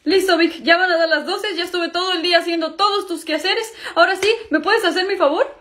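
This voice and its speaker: A woman's voice: very high-pitched, fairly even intonation, a little fast, a bit bright. A woman playing an earnest, indignant teenage boy who pleads and protests in a comedy skit. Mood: wary. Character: indignant, earnest teenage boy, put-upon younger brother.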